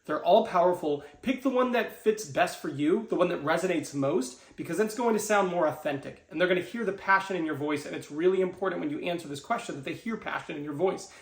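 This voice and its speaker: A man's voice: high-pitched, quick pace, hardly any pauses, echoey room. A man talking as a career coach, giving upbeat, conversational interview advice with frequent fillers. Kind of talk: instructional talk to camera.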